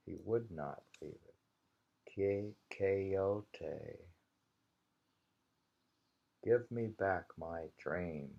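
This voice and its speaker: A man with a deep, gravelly voice reads short poems from an anthology, moving in an unhurried, halting way. He repeats lines slowly and muses on them informally. It's a dull, lo-fi home recording.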